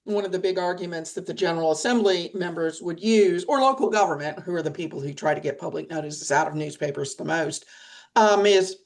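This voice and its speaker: A woman's voice: on the low side, a little fast. A middle-aged woman leading a press association, talking bluntly and emphatically in a webinar discussion over a video call. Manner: blunt, plain-spoken, emphatic.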